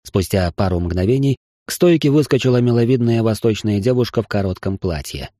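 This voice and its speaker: A man narrating a novel in the first person, with even, measured reading. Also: on the low side, no room sound, studio quality. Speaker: audiobook narrator.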